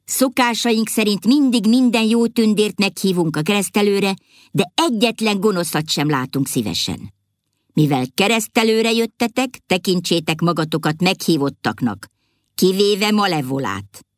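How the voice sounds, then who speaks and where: A stern, commanding fairy-tale king from a storybook, scolding a crowd of fairies with lively, swooping intonation, as a woman reading the tale puts him on. The voice sits a little higher than her low narrating tone, and the recording is close and dry. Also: no echo, lightly acted. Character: stern indignant fairy-tale king, male, middle-aged.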